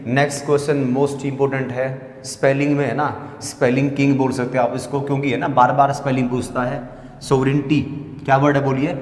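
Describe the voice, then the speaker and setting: A man's voice: medium pitch, darkish tone, reverberant, long reverb tail. A male English teacher with a Hindi-speaking Indian accent, giving a spelling lesson for exam students, spelling words letter by letter and repeating them. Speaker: English teacher for competitive exams.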